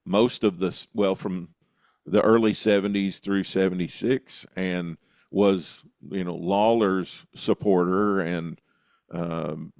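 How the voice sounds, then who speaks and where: A man's voice: low voice, fairly even intonation, slow pace, gravelly, a little mellow, dry recording, studio quality. A man hosting a conversational podcast interview, reflective and steering the talk with questions and asides.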